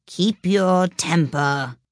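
A woman voicing a languid, stern and contemptuous caterpillar in a slow, sleepy drawl. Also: lowish voice, no echo, studio quality. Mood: curt, stern.

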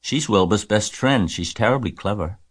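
A man's voice: lowish voice, animated, moderate pace, slightly rough, pitched above the performer's own voice. Man reading as an earnest, chatty young girl. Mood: thoughtful. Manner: earnest, matter-of-fact.

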